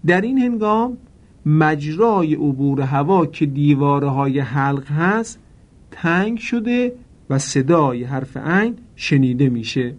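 A man teaching correct pronunciation for Quran recitation, addressing listeners formally and drawing out example words slowly and carefully. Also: a little high, expressive, lo-fi sound. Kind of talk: instructional lesson.

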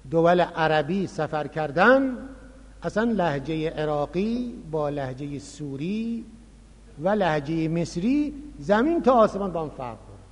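A man giving a religious lecture, explaining points with animated emphasis. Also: a little high. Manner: explanatory, animated, acts out quoted dialogue. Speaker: lecturer on Quran recitation. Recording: long hall reverb.

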